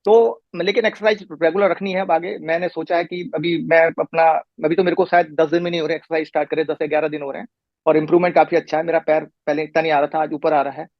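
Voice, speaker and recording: Fast-talking middle-aged man, muffled sound. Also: a little high, little pitch movement, dry recording. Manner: detailed, rambling account with restarts. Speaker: patient. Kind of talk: casual conversation. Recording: muffled lo-fi recording.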